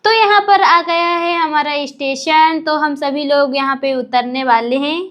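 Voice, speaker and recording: A young woman narrating her travel vlog as a lively, chatty voice-over. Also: sits high, a little slow. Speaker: vlogger.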